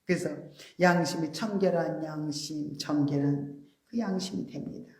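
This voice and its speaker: A woman preacher giving a sermon, explaining earnestly with soft, polite endings. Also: low voice, normal speed, echoey room. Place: church sanctuary.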